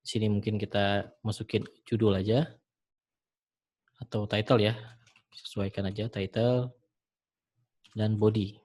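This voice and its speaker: Low-voiced man explaining code step by step. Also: a little slow, pauses often. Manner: relaxed, talks the viewer through each step, frequent "ya" and "nah". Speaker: programming instructor. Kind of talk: screen-recorded coding tutorial.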